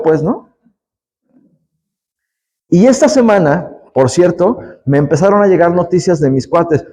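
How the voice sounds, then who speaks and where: A man's voice: on the high side, mellow, rough recording. A man preaching a sermon, emphatic on key lines and chatty in his asides to the congregation. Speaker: pastor.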